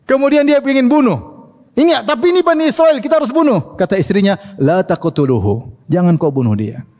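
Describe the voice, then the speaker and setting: Lively male preacher in echoey hall. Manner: lively, swings pitch up for quoted speech, laughs along. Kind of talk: Islamic sermon with storytelling.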